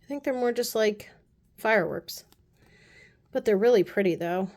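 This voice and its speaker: A woman casually chatting through a nail art haul, gushing and often dropping her voice to soft low asides. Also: moderate pace. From United States. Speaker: beauty vlogger. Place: apartment room.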